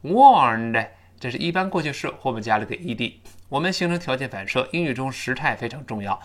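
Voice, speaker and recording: A man teaching an English lesson, drilling pronunciation with slow, emphatic repetitions. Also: mid-range voice, animated, a bit bright.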